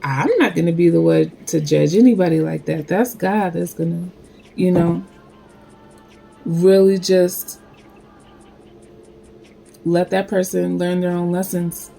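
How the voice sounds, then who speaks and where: A woman with a low, gravelly voice gives a spiritual card reading at an unhurried pace. Her tone is dark and mellow, and she wanders from thought to thought with plenty of fillers. Soft music plays faintly behind her. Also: steady tone, low-quality recording. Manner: slow, meandering, full of fillers. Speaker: spiritual reader.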